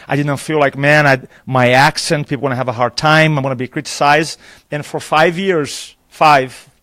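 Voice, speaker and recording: This fairly high-pitched male voice comes through dry and studio-clean. He is a public speaking trainer from Brazil, a native Portuguese speaker with a thick accent, chatting enthusiastically as a guest in a live interview at a conference venue. An animated storyteller, he laughs a lot and performs bits of dialogue.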